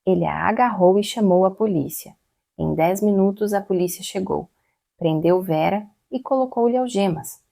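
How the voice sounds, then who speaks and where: A woman narrating a dramatic family story in the first person, in a steady, measured way. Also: medium pitch, gravelly, no echo.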